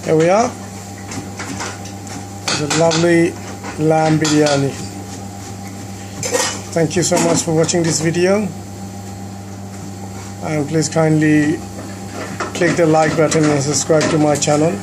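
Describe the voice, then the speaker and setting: A woman hosting a cooking channel, narrating a kitchen demonstration in a halting, polite way and correcting herself as she goes. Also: low-pitched, little pitch movement. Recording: sizzling kitchen noise behind the voice. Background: sizzling pan and clanking spoon.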